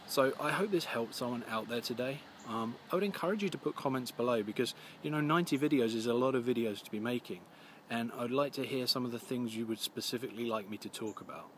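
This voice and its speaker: Gruff, scratchy-voiced man with background noise. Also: medium pitch, fairly bright tone. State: hoarse from a cold coming on. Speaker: recovery video series host. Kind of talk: casual advice vlog, talking to viewers.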